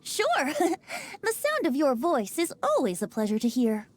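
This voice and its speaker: A teasing, giggly young wind god. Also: female voice, high voice, huge pitch swings, unhurried, exaggerated voice. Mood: playful. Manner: playful, teasing, often laughing. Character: playful wine-loving wind god in youthful bard form. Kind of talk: video game character dialogue. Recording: game audio with faint music.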